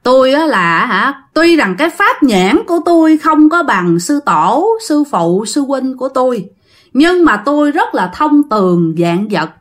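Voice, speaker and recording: Woman doing old southern vietnamese exorcist guy, slow and unbothered, calm voice. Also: high voice. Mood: calm, aloof. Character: calm old male exorcist master, aloof.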